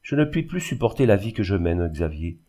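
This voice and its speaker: A man's voice: on the low side, very animated, fairly quick, warm tone. A man reading aloud and voicing a proud, unhappy young orphan girl who pleads earnestly. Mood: distressed.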